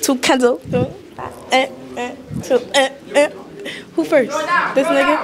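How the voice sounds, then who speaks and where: A woman's voice: high voice, steady tone, a little slow. A woman in a street rating game, handing out scores bluntly and teasingly. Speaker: participant. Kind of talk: casual chat. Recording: loud crowd behind.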